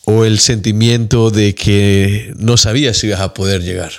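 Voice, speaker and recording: A man interviewing a guest, asking probing questions with halting repetitions. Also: fairly low pitch, fairly even intonation.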